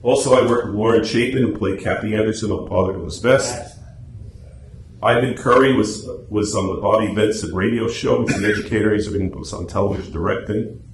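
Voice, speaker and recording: In an echoey meeting room with faint background noise, a man addresses a small club audience. He's a radio script writer and presenter whose talk is informal, chatty, and anecdotal, delivered briskly in a voice on the low side.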